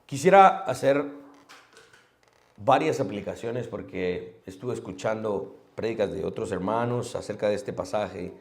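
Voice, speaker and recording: Animated Guatemalan pastor preaching. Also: male voice. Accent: Guatemalan Spanish. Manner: swings from loud emphatic questions to low quiet asides; acts out short quoted dialogue in his sermon. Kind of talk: expository sermon.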